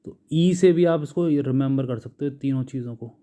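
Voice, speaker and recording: A man with an Indian English accent teaching English vocabulary, slowly listing synonyms and explaining them in Hindi. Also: medium pitch, mellow. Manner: slow, patient, drawn-out word lists.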